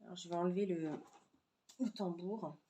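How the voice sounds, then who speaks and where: A woman hosting an embroidery vlog, chatting casually with many fillers and often sinking to a soft murmur. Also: lowish voice, fairly even intonation, normal speed, noisy background. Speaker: Flosstube host showing embroidery projects. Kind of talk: casual chat.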